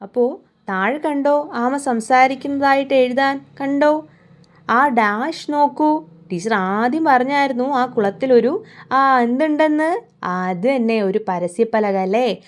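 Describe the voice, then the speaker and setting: A woman teacher guides small children through a workbook story, putting each question to them and then answering it herself. Her voice sits slightly high, with a gentle, patient rhythm. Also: a little slow. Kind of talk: explaining a primary-school workbook story.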